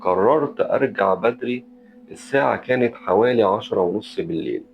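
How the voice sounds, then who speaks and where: A man's voice: lowish voice, lively intonation, a little fast, gravelly, a little hiss or hum. A man with an Egyptian Arabic accent narrating a first-person horror story in short, suspenseful, dramatic phrases. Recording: dull lo-fi audio with faint music.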